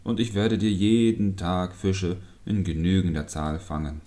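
A man's voice: low-pitched, fairly even intonation, measured pace, mellow. A man voicing a meek, stubborn magic fishing hook that begs its master for mercy in a storybook reading. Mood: pleading. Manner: humble, begging.

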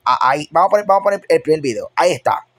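A man's voice: on the high side, expressive, very fast, fairly bright tone, dry recording. Upbeat man hosting a show, dry sound. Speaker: show host. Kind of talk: presenting clips on a gossip show.

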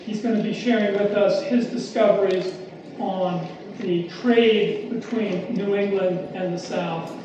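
A man introducing the guest speaker at a lecture event, measured with a few "uh"s. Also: high voice. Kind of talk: formal introduction. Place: lecture hall. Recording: dull echoey hall recording, distant, noisy.

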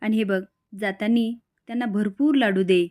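Woman voicing a bossy young hostess, brisk, commanding. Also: medium pitch, warm tone, natural voice.

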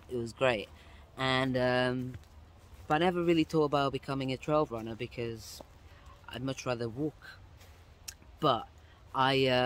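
A young man talking casually to his phone camera outdoors on a woodland path, chatty and explaining things step by step, often restarting his sentences. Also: medium pitch. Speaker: vlogger. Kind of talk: casual vlog talk to camera. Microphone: phone camera at arm's length.

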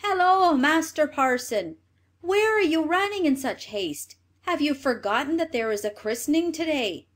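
A woman doing a fussy, shrill parish clerk. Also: lively intonation, moderate pace. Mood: astonished. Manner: calling out loudly, raised pitch.

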